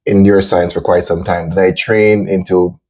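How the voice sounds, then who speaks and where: A man's voice: low voice, flat delivery, normal speed, a little mellow. A man from Jamaica hosting a casual interview chat, chatty and enthusiastic. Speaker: host.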